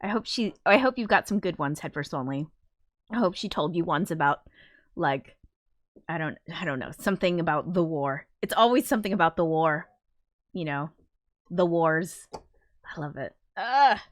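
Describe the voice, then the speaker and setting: A young woman with a fairly low, animated voice hosts her own livestream, recorded cleanly in studio quality with no echo. She's a little sick and sniffly, chatting casually, making fun of herself, swearing, and laughing quickly.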